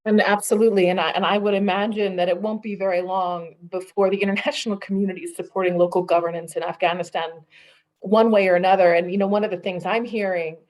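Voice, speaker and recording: Woman moderator, policy panel talk, casual and thinking aloud, mid pitch. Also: fairly even intonation, fast talker, darkish tone. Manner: conversational, many fillers and restarts. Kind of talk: policy roundtable discussion.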